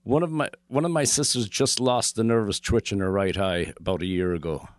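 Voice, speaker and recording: A man's voice: mid-range voice, animated, moderate pace, no room sound. A man from Galway with a west of Ireland accent, chatting and telling stories as a podcast guest in a wry, joking, sweary way. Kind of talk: casual chat, storytelling.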